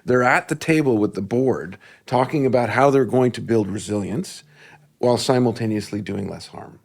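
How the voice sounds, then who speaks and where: A man speaking as a guest on a panel discussion, measured and explanatory. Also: medium pitch, gravelly. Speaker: panel guest, tech executive.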